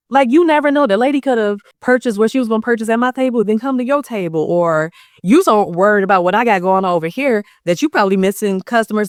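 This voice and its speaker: A woman who runs a small business, telling a story in a frank, animated way and acting out what people said. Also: lowish voice, no room sound, clean studio sound. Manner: animated, acts out quotes, frank and sassy. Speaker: small business owner and vendor. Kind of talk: casual storytelling vlog.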